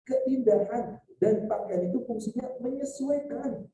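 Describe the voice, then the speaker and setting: A man's voice: very high voice, measured pace, dark tone, slight background noise. A man preaching a sermon on marriage at a celebration, joking and quizzing his audience. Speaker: Islamic preacher. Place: event hall. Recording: echoey hall, mic far off.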